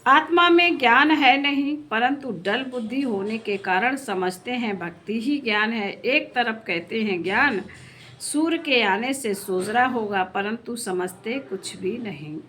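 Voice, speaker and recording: A woman leads a spiritual class, explaining a scripture reading in an earnest, patient way. Her voice sits fairly high, and she often turns to her listeners with questions. A faint background noise is heard behind her. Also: measured pace, pushed and bright.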